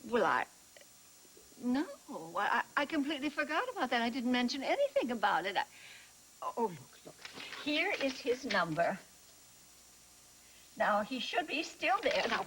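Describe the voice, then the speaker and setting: Older grandmother, forgetful, chirpy, lively pitch. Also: moderate pace, pauses often, slight background noise, poor audio. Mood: flustered. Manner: chirpy, laughing often. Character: fluttery, forgetful grandmotherly woman. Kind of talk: daytime soap acting.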